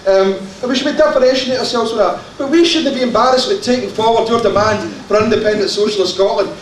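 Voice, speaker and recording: High-voiced shouting Glaswegian man. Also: fast talker. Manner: impassioned, shouting, joking asides. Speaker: party conference delegate. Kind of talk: conference floor speech. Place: large conference hall. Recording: echoey hall from far off, faint crowd and hiss.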